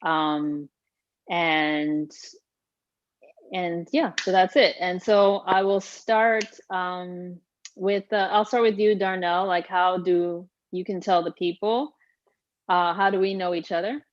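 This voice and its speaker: Brief: lower-pitched woman coach hosting a live chat, dull lo-fi audio. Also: steady tone, takes it slowly, no room sound. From Haiti. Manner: chatty, laughs often, many fillers. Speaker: fitness coach and host. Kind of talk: casual live-stream interview.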